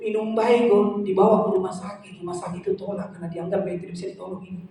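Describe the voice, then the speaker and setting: A man's voice: high-pitched, fast talker, distant mic, slight background noise. A man preaching a sermon, telling stories and acting out conversations. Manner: storytelling, animated, quoting dialogue. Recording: echoey hall, picked up from afar.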